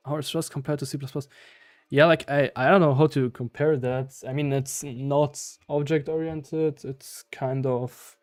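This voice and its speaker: A man's voice: mid-range voice, a little mellow, clear, resonant tone, dry recording, clean studio sound. A man with a German accent doing casual live coding commentary, hesitantly thinking aloud in fragments. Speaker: live-streaming programmer.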